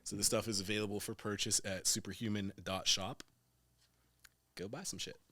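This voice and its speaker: A man's voice: fairly low pitch, fairly even intonation, brisk, sharp tone, no echo, clean studio sound. A man as a podcast guest, chatting casually, laid-back, laughing often and swearing now and then. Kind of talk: casual chat.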